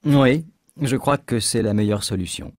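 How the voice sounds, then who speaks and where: A man reading a scripted textbook dialogue as a hiring manager, clear and measured. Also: medium pitch, darkish tone, no room sound, studio quality.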